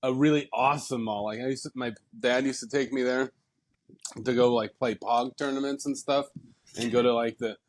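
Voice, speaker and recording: A man in his thirties, from the Pacific Northwest, co-hosts a podcast in casual chat. He rambles, stacking "like" after "like" as he goes. His voice has a middling pitch. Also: fairly even intonation, normal speed. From Bend, Oregon, US. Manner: rambling, full of "like" fillers. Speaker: podcast co-host.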